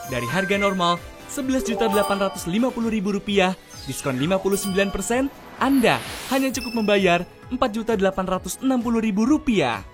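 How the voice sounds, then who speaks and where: A woman reading a scripted infomercial voice-over as a promotional sales pitch. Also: animated, fast. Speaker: commercial announcer. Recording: music under the voice. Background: loud music.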